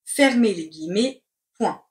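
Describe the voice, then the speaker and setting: A woman teacher reading a dictation aloud in deliberate, carefully segmented phrases, calling out the punctuation. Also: medium pitch, animated, darkish tone. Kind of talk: slow read-aloud dictation with repeated phrases and spoken punctuation. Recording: echoey room.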